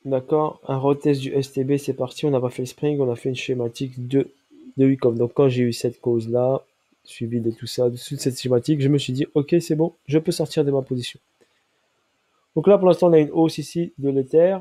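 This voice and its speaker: A man talks through a trading chart in a very dark, mellow voice made nasal by a cold. His nose is clearly stuffed up. He explains step by step, middle-pitched, and keeps checking that listeners are with him. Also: steady tone, brisk. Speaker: crypto trading analyst. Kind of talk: chart analysis walkthrough.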